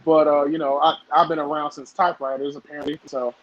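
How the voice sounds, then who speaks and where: High-voiced man in his thirties. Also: little pitch movement, fast talker, dull audio. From southern United States. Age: 30s. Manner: rambling, lots of fillers, laughs often. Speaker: guest. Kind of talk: casual podcast chat.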